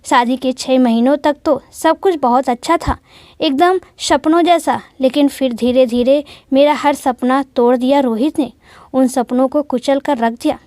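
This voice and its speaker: A woman's voice: high voice, measured pace, warm tone, dry recording, clean studio sound. A woman voicing a young wife who tells of an abusive marriage in a sorrowful first-person account.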